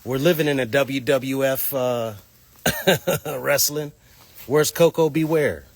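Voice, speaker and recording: A man talks loosely into his phone outdoors on a livestream, greeting viewers as they arrive. He sounds stuffed-up and nasal from a cold. His voice sits at an ordinary middle pitch, and the sound is dry and close. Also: steady tone, takes it slowly, dry recording. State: nasal congestion. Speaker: livestream host. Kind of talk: casual livestream talk. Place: outdoors near homes.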